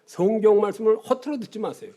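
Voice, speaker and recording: A man in his seventies, a pastor preaching a sermon with animated storytelling and sudden quiet drops. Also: sits high, fast. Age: 70s.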